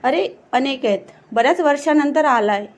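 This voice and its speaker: A woman's voice: sits high, lively intonation, moderate pace. A woman voicing a carefree, mischievous young village man in a storybook reading, in a casual, teasing tone.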